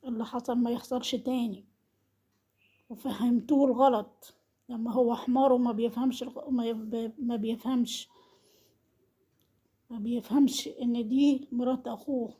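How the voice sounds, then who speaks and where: A woman's voice: a little high, fairly even intonation, normal speed, long pauses, dark tone, husky. A woman with an Egyptian Arabic accent who delivers a scolding monologue as a vlogger and repeats the same accusing questions again and again. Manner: reproachful, hammers the same accusing questions over and over. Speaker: vlogger commenting on an online family feud.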